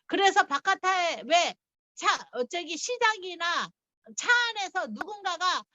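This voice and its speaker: Lively high-voiced woman teaching casually. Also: unhurried, dry recording. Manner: chatty, laughs often, explains step by step. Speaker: language teacher. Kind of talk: casual online language lesson.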